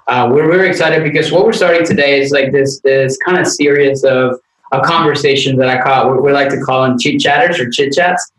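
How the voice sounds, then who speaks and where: Man, podcast host, rambling easygoing chat, mid pitch, roomy echoey recording. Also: brisk, a bit bright. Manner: easygoing, rambling, many restarts. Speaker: podcast host, nutrition coach.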